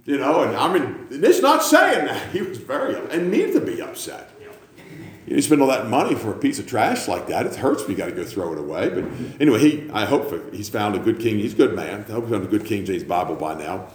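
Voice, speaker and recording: With a lowish voice full of big pitch swings, a pastor briskly preaches to his church, keeping it conversational and sprinkling in self-mocking, teasing jokes. A little hiss or hum sits in the audio, which was captured in a roomy hall with faint ambience.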